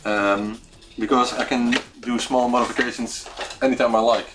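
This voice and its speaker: A man's voice: medium pitch, fairly even intonation, normal speed, noisy background. A man with a Dutch accent hosting an unscripted livestream chat, hesitant and searching for words as he talks. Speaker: host of a weekly retro computing live show.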